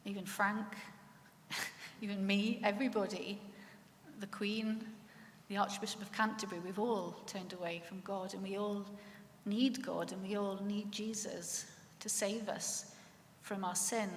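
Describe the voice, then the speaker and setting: In a church hall, a middle-aged Welsh woman gives her personal faith testimony in a mid-range voice, earnest and reflective, with frequent pauses and restarts. The echoey church adds long reverb and faint room noise.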